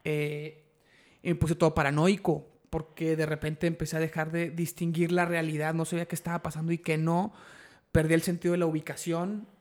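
A young man with a Mexican accent tells a long story on a podcast in a high voice. He talks in animated, slangy bursts and laughs at his own jokes. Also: brisk. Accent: Mexican Spanish. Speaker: podcast host. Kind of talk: casual storytelling chat.

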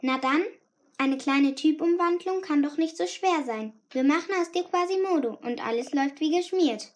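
Woman, high voice, storytelling, chatty, confiding. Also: moderate pace, slight background noise. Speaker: audiobook narrator. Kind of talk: scripted first-person narration.

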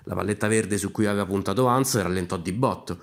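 Fast-talking, irreverent male narrator. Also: fairly low pitch. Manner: brisk, irreverent asides. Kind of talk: scripted comic fantasy narration.

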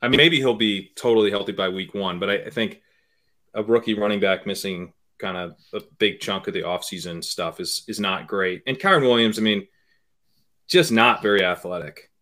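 Male podcast guest, lowish voice with a bright edge, thinks aloud and hedges a lot. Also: moderate pace. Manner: hedging, many fillers and restarts, trails off quietly. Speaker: podcast guest, fantasy football analyst. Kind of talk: casual analytical chat.

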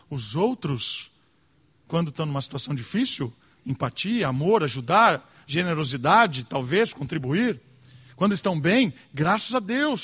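Earnest high-voiced preacher. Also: male voice, a bit bright, breathy edge. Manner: earnest, rising and falling emphasis with rhetorical questions. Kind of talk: sermon.

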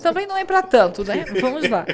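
A woman's voice: sits high, sing-song, fast, background noise. A young woman hosting a podcast in casual chat, frank and laughing often. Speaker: podcast host.

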